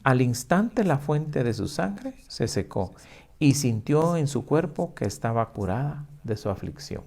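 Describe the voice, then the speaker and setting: A man's voice: medium pitch, very animated, measured pace, gravelly, darkish tone. A male pastor preaching emphatically, asking the listener rhetorical questions and acting out their objections. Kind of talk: sermon.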